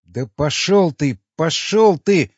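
A man voicing a drunk, raving young man in a frenzy, shouting curses hysterically, with a husky voice. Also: on the high side, very animated, normal speed, dry recording, muffled recording. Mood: furious.

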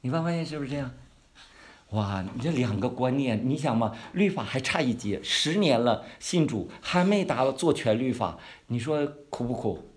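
A pastor or Bible teacher with a mid-range voice and lively intonation gives a conversational Bible-study sermon. He poses questions to his listeners and slowly draws out key words for emphasis.

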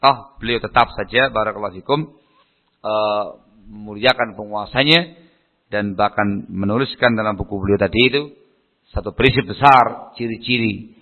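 A man's voice: fairly low pitch, phone-quality sound. A man giving a mosque study lecture, telling a story with animation and acting out the voices he quotes. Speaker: preacher.

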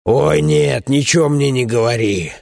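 A man voicing a fat bearded cave-dweller, loud, boisterous and quarrelsome. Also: medium pitch, unhurried, vocal fry, pitched above the performer's own voice. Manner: loud mocking squabbling.

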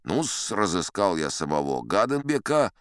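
Captain Vrungel, boastful old sea dog. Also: male voice, low voice, big pitch swings, measured pace, clean tone, dry recording, clean studio sound. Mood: boastful yarn. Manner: chatty, sly, addresses listeners with "знаете". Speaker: first-person narrator of an audio play. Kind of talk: theatrical storytelling, audio play.

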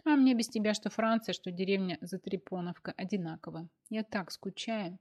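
A woman's voice: medium pitch, moderate pace, lightly acted. Woman reading as a teasing, affectionate boyfriend. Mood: tender. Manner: teasing, warm, playful. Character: affectionate grown man, teasing lover.

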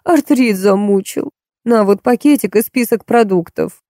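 A woman's voice: medium pitch, unhurried, dark tone, no room sound, studio quality, voice pushed up, natural voice. A woman reading an audiobook, voicing a whining, begging old woman with a cracked, tearful voice. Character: whiny, wheedling old woman, a drinking pensioner.

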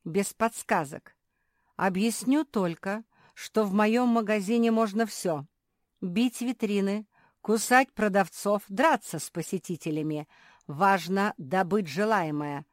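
A woman's voice: medium pitch, slow, no echo, clean studio sound, voice pushed up, close to an everyday voice. A woman voicing a sly old male shopkeeper with ingratiating, sing-song sales patter, in an audiobook. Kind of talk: audiobook character voice.

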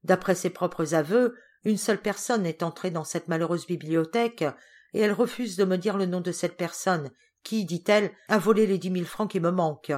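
A woman's voice: on the low side, moderate pace, darkish tone, lightly acted. A woman voicing an agitated, indignant older uncle in an audiobook. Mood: angry. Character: angry stern older uncle, a man.

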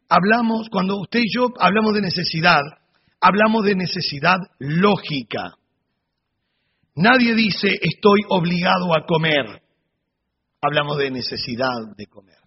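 Guy preaching sunday school, husky and high, dull echoey hall sound. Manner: animated storytelling with humorous asides. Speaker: Bible teacher. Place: church hall. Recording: dull recording in a reverberant hall.

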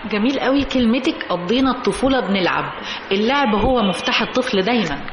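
A woman with an Egyptian accent presenting an evening radio show like a late-night DJ, in measured, poetic short phrases. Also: on the high side, expressive, highs cut off. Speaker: radio host. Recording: roomy echo, clear background noise.

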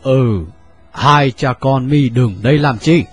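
Người đàn ông giả giọng ông cai già khúm núm. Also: male voice, takes it slowly, slightly rough, soft background music. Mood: pleading. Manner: high, fawning, stammering. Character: old male guard, timid and pleading.

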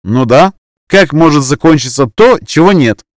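A man's voice: a little high, expressive, normal speed, a little hiss or hum, pitched above the performer's own voice, close to an everyday voice. Man doing a stern woman teacher. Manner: stern, composed, matter-of-fact. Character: strict calm woman teacher.

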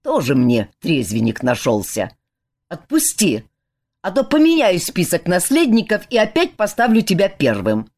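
A woman reading a hungover young king who snaps sarcastically, his voice jumping high when outraged. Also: wildly swooping pitch, normal speed, darkish tone. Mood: irritable, sarcastic. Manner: bitter, snapping, rises high in outrage.

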